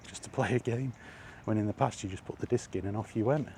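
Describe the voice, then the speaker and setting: Strolling under trees, a man vlogs in a casual, rambling way, wry and grumbling as he goes. He talks fast in a lowish, warm voice, with faint ambient noise from outdoors.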